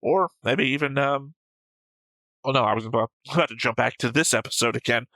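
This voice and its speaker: A man co-hosting a reaction show argues his opinions in casual discussion and episode commentary. His mid-range voice is pushed and bright, a little fast, in a dry recording.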